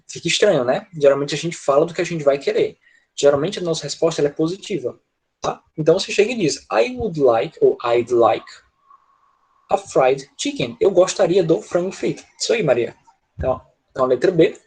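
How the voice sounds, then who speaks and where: A man's voice: on the high side, darkish tone, breathy edge, low-quality recording. A man with a Brazilian Portuguese accent, teaching an English grammar class and patiently asking "tá?" and "né?" to check his students follow. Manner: patient, repeats "tá?" and "né?" to check understanding.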